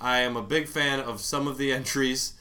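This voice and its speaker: A man chatting as a podcast guest, his voice bright and forward. He rambles, piling on words when he explains something. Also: mid-range voice, fairly even intonation, moderate pace. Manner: rambling, wordy descriptions. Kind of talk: casual chat.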